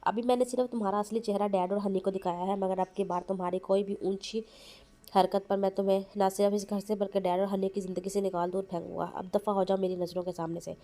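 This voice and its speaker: A woman's voice: medium pitch, little pitch movement, quick pace, warm tone, close to an everyday voice. A woman voicing an arrogant young man who lectures with contempt, in an audio novel. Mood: scornful.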